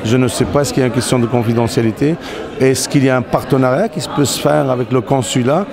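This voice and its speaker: A man's voice: mid-range voice, quick pace, creaky. Moroccan man, hesitant, crowd noise behind. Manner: hesitant, many fillers and restarts. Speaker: interviewee, company CEO. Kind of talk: casual interview conversation. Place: outdoors in a city.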